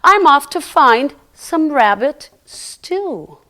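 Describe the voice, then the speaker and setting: A woman's voice: high voice, sing-song, very slow, pushed and bright, exaggerated voice. A woman voicing a hungry male coyote in a children's flannel-board story, with a drawling storybook voice. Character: hungry male coyote, casual and plain-spoken.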